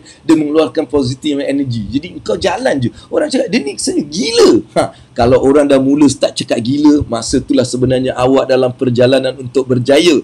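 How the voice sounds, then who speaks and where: A man's voice: fairly high pitch, dark tone, breathy edge. A Malaysian man with a Malaysian Malay accent giving a playful motivational talk, often asking the listeners questions and laughing at his own jokes. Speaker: motivational speaker.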